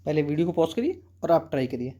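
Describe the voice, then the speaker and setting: Indian male English tutor, mellow tone, slow deliberate sentence readings, constant check-ins. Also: a little high, sing-song. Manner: reads English sentences slowly, often checks "okay?". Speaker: English teacher. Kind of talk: exam-prep English lesson.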